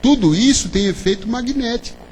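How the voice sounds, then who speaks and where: An extremely high-pitched, animated, a little mellow male voice moves fairly quickly through a spiritist lecture in a spiritist center's hall. He engages the audience conversationally with many questions and "né?". A faint hum runs under the rough recording.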